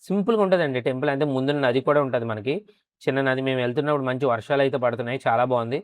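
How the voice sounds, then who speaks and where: Male travel vlogger, smooth tone, dry close sound, polite guide manner. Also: medium pitch, racing, no room sound. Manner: polite, adds a respectful "andi" often while showing the site. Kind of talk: narration and casual guided tour.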